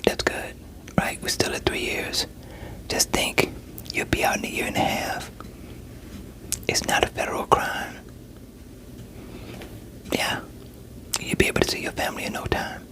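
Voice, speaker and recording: On a rough recording, a performer speaking close to an everyday voice whispers as a veteran police interrogator who coaxes and pressures a suspect with sceptical street smarts. Here the mood is probing and coaxing.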